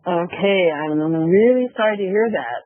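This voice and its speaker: A man lecturing as a visiting professor over a video conference call, speaking slowly with many fillers and restarts. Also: sits high, animated, no room sound, faint music behind. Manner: slow, halting, with many fillers. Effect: conference call audio. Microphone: computer mic on a video call. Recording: phone-like narrow call audio, dry.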